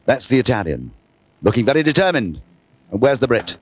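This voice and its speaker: A man commentating live on a team game show, excitable and playful, breaking into quoted verse. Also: medium pitch, a little fast, breathy edge. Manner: excitable, quoting verse, mock French asides. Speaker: TV sports commentator.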